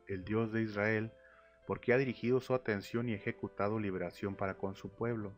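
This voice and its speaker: A man teaching a narrated Bible slideshow lesson, reading verses aloud and then explaining them with fillers and restarts. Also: on the low side. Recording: lo-fi audio with faint music. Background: faint instrumental music.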